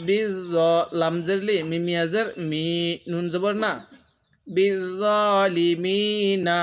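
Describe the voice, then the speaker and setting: A high-pitched man with a Bangladeshi Bengali accent teaches Quran reading one syllable at a time. He explains each letter plainly, then chants the sounds in long, slow, drawn-out tones. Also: a bit bright. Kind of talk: spelling-out recitation lesson.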